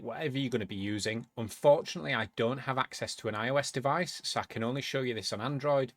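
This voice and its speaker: A dry recording captures a man's mid-range voice as he hosts a tech tutorial. He walks viewers through each step casually, demonstrating and thinking out loud while he explains.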